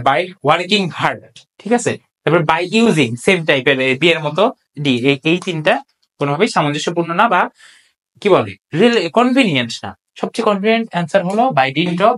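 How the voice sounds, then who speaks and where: In a recorded lecture, an English tutor for admission exams works through exam answers step by step in a middling, slightly bright voice. He peppers each point with rhetorical questions and quick checks that listeners are keeping up, and reads English example sentences slowly and deliberately.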